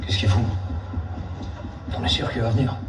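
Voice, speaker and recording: A man's voice: mid-range voice, fairly even intonation, normal speed, over music, natural voice. A man playing a blunt, plain-spoken character in a naturalistic film drama. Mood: impatient, irritated. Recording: echoey, distant from the mic.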